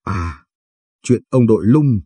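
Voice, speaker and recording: A man voicing an older village woman who speaks in a flat, matter-of-fact way, in a storybook reading. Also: lowish voice, slow, breathy edge, no echo, heavily acted.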